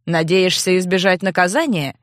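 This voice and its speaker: A woman reading an audiobook, voicing a stern young nobleman with a low, curt, sneering delivery. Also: moderate pace, no echo, clean studio sound, close to an everyday voice. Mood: scornful. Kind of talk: audiobook character voice.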